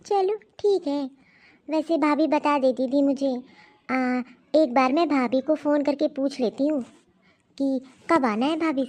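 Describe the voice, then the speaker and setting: A woman voicing a humble, hardworking housemaid in an animated cartoon story, speaking politely and deferentially. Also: high-pitched, a little slow.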